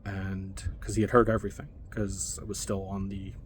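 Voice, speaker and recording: A man in his thirties from Long Island, New York, telling a personal story in a reflective, halting way with many fillers. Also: sits low, level tone, a little hiss or hum.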